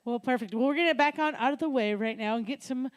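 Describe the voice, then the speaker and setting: A woman's voice: sits high, fast. A woman hosting a live radio music show, introducing guests in an upbeat announcer manner.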